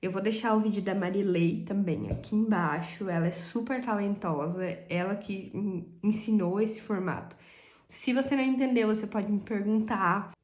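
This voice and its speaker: A woman's voice: medium pitch, darkish tone, reverberant. A woman giving a chatty, casual crochet tutorial, her voice stuffy and nasal from a cold, often checking in with her viewers as she works. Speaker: crochet instructor.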